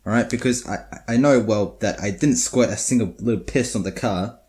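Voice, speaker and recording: A man's voice: lowish voice, moderate pace, darkish tone. A teenage boy telling crude school stories in a casual, profane, rambling way, full of restarts. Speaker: storyteller. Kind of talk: casual storytelling.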